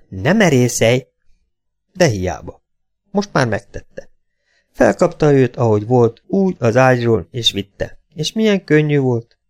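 A man narrating an audiobook in a low, measured storytelling tone. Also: darkish tone.

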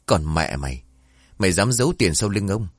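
A man voicing a drunk, violent middle-aged father who shouts crude demands and threats. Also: low-pitched, big pitch swings, moderate pace, dry recording, clean studio sound, full character voice. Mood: drunk angry.

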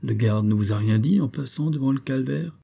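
A man voicing a measured male judge who questions a suspect in a probing way. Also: medium pitch, creaky, mellow.

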